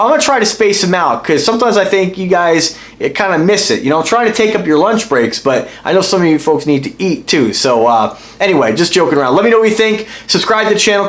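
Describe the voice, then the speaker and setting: A man's voice: high voice, a bit bright. A man hosting a casual watch review vlog, talking to his viewers in an enthusiastic, rambling way with lots of fillers and restarts. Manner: addresses viewers directly as guys. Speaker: watch reviewer and channel host.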